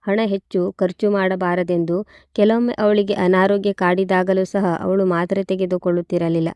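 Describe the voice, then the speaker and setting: A woman tells a moral story in a steady, measured reading voice. Her tone is smooth and clear, at a mid pitch. The recording is close and dry, with no room sound. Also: dry recording. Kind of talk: scripted story narration.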